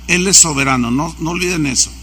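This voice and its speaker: A man's voice: fairly high pitch, quick pace, sharp tone, slight background noise. A man preaching a sermon as pastor. He asks the congregation questions and acts out anecdotes. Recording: church service recording.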